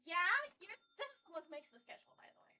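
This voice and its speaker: A woman's voice: sits high, huge pitch swings, racing, sharp tone. A woman in casual chat, telling a chatty story about work.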